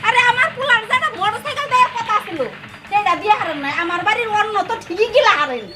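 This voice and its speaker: An actress playing a domineering, taunting middle-aged mother-in-law in a village family drama, with a shrill, scolding way of talking. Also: animated, fast talker, over loud music. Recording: noisy background.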